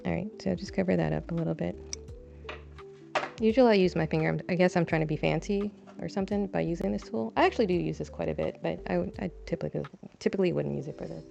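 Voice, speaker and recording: A woman's voice: on the low side, fast talker, vocal fry. A young woman streaming from her balcony, chatting in a rambling, self-deprecating way as she plants seeds. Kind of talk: casual chat. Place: home balcony. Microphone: desk mic, braids brushing it. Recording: dull lo-fi sound with faint music.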